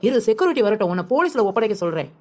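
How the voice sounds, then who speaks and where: A woman doing a fiery, fast-talking cartoon shopper. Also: medium pitch, very animated, a little mellow, natural voice. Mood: indignant. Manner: indignant, rapid-fire retorts. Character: touchy young woman shopper, quick-tempered. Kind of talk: comedic cartoon voice acting.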